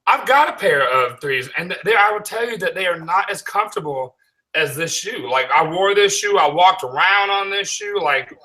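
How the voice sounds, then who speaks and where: A bright, high-voiced man with a Southern accent talks sneakers in loose, profane banter. He jokes loudly and laughs at himself as he co-hosts a live stream. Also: lively intonation, moderate pace, poor audio. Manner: loud, joking, profane. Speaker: co-host of a sneaker show.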